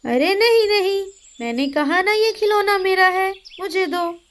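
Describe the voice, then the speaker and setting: A woman's voice: very high-pitched, unhurried, fairly bright tone, voice pushed up. A woman voicing a young boy bird, the big brother in a cartoon. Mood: bossy.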